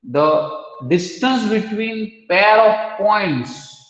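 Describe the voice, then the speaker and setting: A man's voice: high voice, extremely slow, fairly bright tone. A man lecturing a mathematics class, explaining step by step and quizzing students. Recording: echoey hall, dull lo-fi sound.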